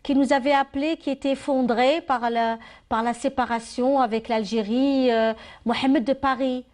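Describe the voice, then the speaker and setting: A female TV host with an Algerian accent and a fairly high voice. She chats with guests and callers in a hesitant way, often doubling her words as she goes. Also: fairly even intonation, moderate pace, a little mellow. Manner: hesitant, frequent repeated acknowledgements. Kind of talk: live interview and phone-in chat.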